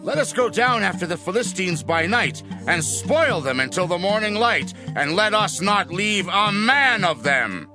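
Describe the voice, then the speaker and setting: A man's voice: high voice, very animated, measured pace, hardly any pauses. An actor playing a stern, commanding ancient warrior king in a solemn, declamatory dramatized scripture reading. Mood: urgent, fervent. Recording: dramatic music behind the voice.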